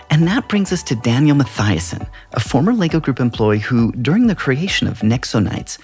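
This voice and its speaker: A man co-hosting a podcast, reading scripted banter in an upbeat, playful way. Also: medium pitch. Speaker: podcast co-host.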